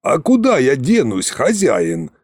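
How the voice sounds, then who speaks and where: A man's voice: fairly low pitch, big pitch swings, slow pace, warm tone, slightly rough, no room sound, clean studio sound, heavily acted. A man voicing a grumbling, sly male magic spirit in a box, folksy and fond of drink.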